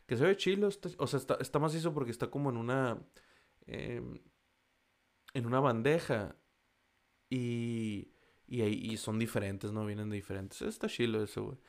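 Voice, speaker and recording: A vlogger with a Mexican accent chats casually in slangy, profane Spanish, tripping over foreign food names as he reads through a list. His voice is mid-range and slightly dark, and he talks at a normal speed.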